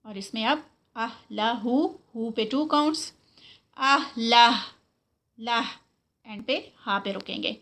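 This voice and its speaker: A woman with a bright, clear, fairly high voice leads a slow recitation lesson. She draws each word out, often says it twice, and explains the rules in Urdu sprinkled with English terms. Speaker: Quran recitation teacher.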